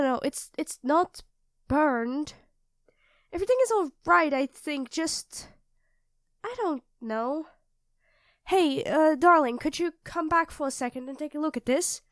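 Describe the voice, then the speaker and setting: A woman voices a teasing, affectionate young live-in girlfriend cooking dinner in an intimate ASMR roleplay audio drama, using playful, expressive phrasing. Here she sounds flustered and unsure, speaking a little slowly in a high voice recorded close and dry with no echo.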